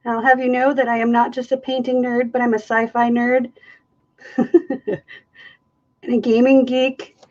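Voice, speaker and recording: Speaking a little slowly with frequent pauses, this woman has a slightly high, darkish voice and a flat delivery, recorded in lo-fi sound. She hosts a live fluid art demo in her art studio, camera overhead on the table, chatting casually, mocking herself, and laughing often.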